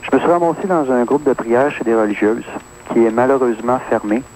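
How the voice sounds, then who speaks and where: Man, 30s, Québécois accent, radio caller, earnest, full of "euh", medium pitch, faint hiss. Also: fairly quick. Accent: Québécois French. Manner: hesitant, many "euh" fillers, earnest. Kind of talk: phone-in testimony.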